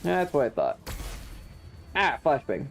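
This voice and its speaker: Taking it slowly with a sing-song, medium-pitched voice and some vocal fry, a livestream host chats over game music. The casual gaming stream is full of free swearing.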